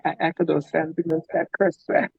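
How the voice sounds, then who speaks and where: A woman co-hosting a radio sports show from a remote spot, hoarse with her voice partly gone, speaking in slow, halting phrases. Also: sits low, fairly even intonation, dry recording, lo-fi sound. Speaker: sports show co-host calling in. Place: remote, away from the studio.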